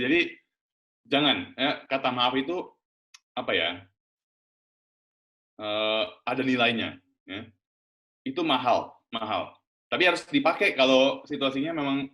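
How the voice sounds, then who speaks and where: A male priest, answering a question on forgiveness in a gentle, patient way, often adding "ya". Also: medium pitch. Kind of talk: pastoral Q&A answer.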